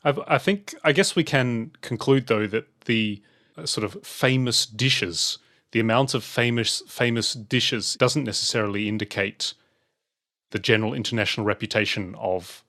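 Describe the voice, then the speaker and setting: A man's voice: on the low side, sharp tone. A man co-hosting a podcast, chatting in a wry, joking way with frequent restarts. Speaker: podcast co-host. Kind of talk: casual chat.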